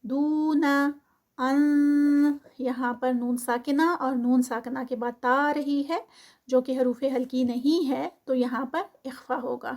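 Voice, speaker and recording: A woman teaching a tajweed lesson, reciting verses slowly and then explaining the rules of each word. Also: sits high, steady tone, a little mellow. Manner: chants verses slowly, then explains rules briskly in Urdu-English mix.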